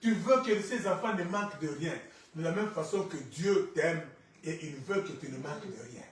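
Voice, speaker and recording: A male pastor preaching a sermon, rising to shouts and falling quiet, with Lingala phrases mixed in. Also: fairly high pitch, animated, moderate pace. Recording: echoey church from far off.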